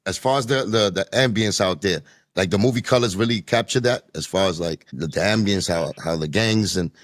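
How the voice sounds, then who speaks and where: A man's voice: low-pitched, a little fast, no echo, studio quality. A man hosting a casual podcast, talking loosely and repeating words as he searches for his point. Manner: loose, repeats words while finding a thought. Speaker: podcast host.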